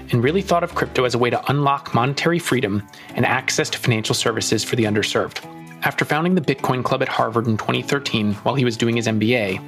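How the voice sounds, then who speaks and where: A man's voice: mid-range voice, a bit bright. A man hosting a podcast, reading a scripted guest introduction and then asking questions. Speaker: podcast host.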